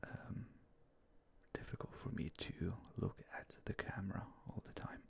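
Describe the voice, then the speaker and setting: A man who makes ASMR videos whispers softly and hesitantly in a casual, rambling style, his breathy, creaky voice close to a fluffy-covered ASMR mic. He comes across as slow, hesitant, mindful, and self-effacing.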